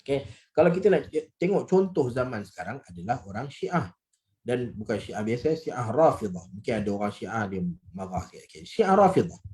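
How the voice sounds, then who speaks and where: Lively, mellow-voiced male religious teacher. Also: mid-range voice, fairly quick. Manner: conversational, punctuates with "okey" and "ha", acts out tones. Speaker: Quran study teacher. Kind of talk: religious lecture.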